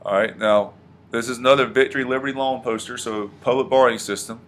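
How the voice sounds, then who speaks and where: A man's voice: mid-range voice, fairly even intonation, quick pace. A man teaching history to a class, questioning the students and echoing their answers. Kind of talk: classroom lesson.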